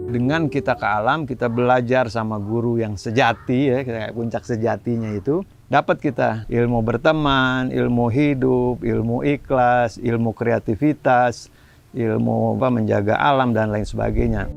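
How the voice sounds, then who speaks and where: A man talking in a relaxed, thoughtful way, musing loosely in casual chat. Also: mid-range voice, normal speed, creaky, faint music behind. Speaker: hiking companion and speaker on sincerity.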